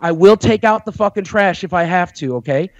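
A man's voice: high-pitched, a little fast, no room sound. A man in a heated call-in argument, furious and profane, repeating threats. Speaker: caller in a heated debate. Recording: muffled dry call audio.

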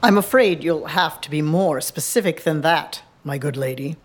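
Woman playing a diplomatic male cardinal. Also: sits low. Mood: formal. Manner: measured and formal. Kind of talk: audio drama acting.

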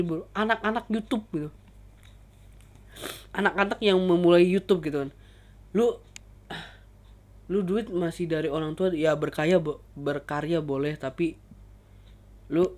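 Blunt vlogger ranting. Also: medium pitch. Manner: blunt, crude slang, stumbling restarts. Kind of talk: casual ranting monologue.

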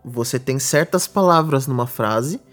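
Man, Brazilian Portuguese accent, podcast co-host, patient explainer, mid-pitched voice, faint music behind. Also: unhurried, fairly bright tone. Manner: patient, explains with everyday examples. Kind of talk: casual explanatory chat.

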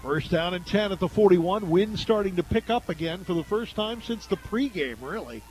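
A man with an American accent and a noticeably high, somewhat dark voice does live radio play-by-play for a football game. He speaks at a normal speed in an animated way. The audio quality is poor.

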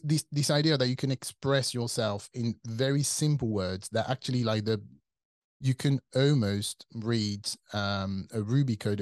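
In studio-quality audio with no echo, a medium-pitched, darkish voice belongs to a French tech company CTO in his forties. He is a casual interview guest with a French accent, often using fillers and restarting as he thinks aloud.

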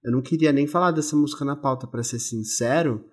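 Husky-voiced man in podcast chat. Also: medium pitch, quick pace. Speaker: podcast co-host. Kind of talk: casual music chat.

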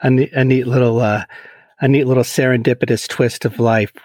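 A man's voice: mid-range voice, steady tone, brisk, darkish tone, dry recording, studio quality. A man hosting an interview podcast, talking in a friendly, chatty way with some restarts. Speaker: podcast host. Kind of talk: casual interview chat.

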